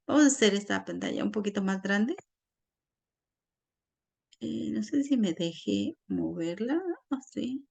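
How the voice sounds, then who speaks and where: A woman teaching a grammar lesson online, explaining slowly and patiently and checking in often with her students. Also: medium pitch, vocal fry, darkish tone, husky. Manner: slow, patient, checks in with frequent "¿sí?". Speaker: Spanish teacher.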